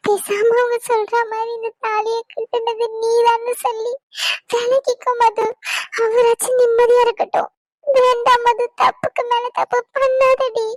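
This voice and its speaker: A woman voicing a guilt-ridden, lovesick young bride in a cartoon, crying and pleading softly. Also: little pitch movement, measured pace, dry recording, rough recording. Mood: despairing. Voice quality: very high, childlike voice. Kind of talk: cartoon dubbing.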